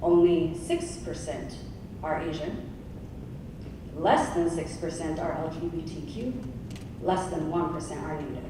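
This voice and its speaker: A woman in her thirties speaks as a panelist in a large conference hall, candid and chatty with little asides, her voice a bit low. She is picked up from far off, with heavy room echo and steady background noise. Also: unhurried. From Oregon, United States.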